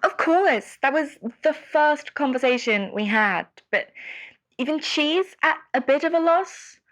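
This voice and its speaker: In a scripted audio drama, a woman plays an anxious, devoted caller phoning a radio advice show, sounding hesitant, earnest and flustered. Her high-pitched voice is expressive and a bit bright, and she speaks at a measured pace.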